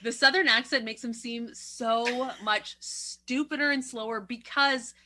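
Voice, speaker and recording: A woman's voice: a little high, fairly even intonation, a little slow, sharp tone, slight background noise. A woman co-hosting a film podcast, blunt and emphatic in her opinions. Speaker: podcast co-host. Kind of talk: casual film-review chat.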